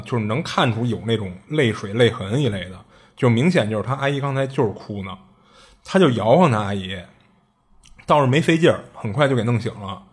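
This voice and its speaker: A man's voice: medium pitch, slightly rough. A man casually retelling a strange story, chatty and colloquial, often circling back with little restarts and asides.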